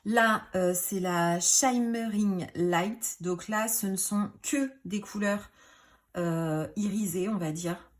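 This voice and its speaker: A woman's voice: mid-range voice, slow. Chatty woman showing her paint palettes. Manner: chatty, rambling, many fillers and self-corrections; trails off into quiet asides. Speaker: craft YouTuber. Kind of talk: casual show-and-tell.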